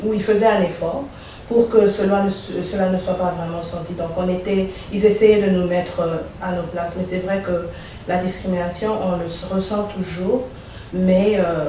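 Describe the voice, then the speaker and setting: A woman's voice: mid-range voice, dark tone. Distant, echoey woman answering questions. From Belgium. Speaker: dentist, interview guest. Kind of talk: interview answers. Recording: echoey room, voice from far off, faint noise.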